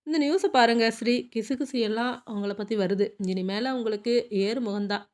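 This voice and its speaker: A woman's voice: on the high side, normal speed, a little mellow, close to an everyday voice. A woman reading the lines of a talkative, joking young man who works on a film set, in a Tamil audiobook. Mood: chatty. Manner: long-winded, joking. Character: chatty young male film-set assistant.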